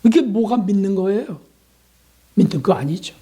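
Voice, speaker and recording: Male pastor, warm dark voice, chatty sermon delivery that slips into acted prayers. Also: high voice, animated, moderate pace, husky. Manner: conversational preaching with rhetorical questions; acts out short prayers and dialogues.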